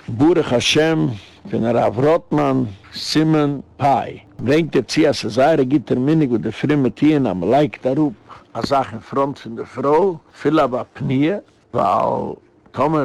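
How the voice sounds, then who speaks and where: A man, a rabbi, giving an animated lecture and telling stories with sudden rises in pitch. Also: gravelly.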